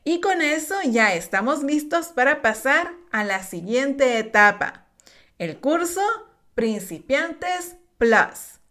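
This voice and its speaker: A woman teaching a language lesson, saying words slowly and clearly for learners to repeat. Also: sits high, very animated, sharp tone. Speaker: English teacher.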